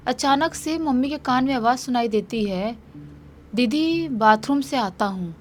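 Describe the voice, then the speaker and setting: A woman telling a real-life horror story in a lively, animated way. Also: on the high side, slight background noise.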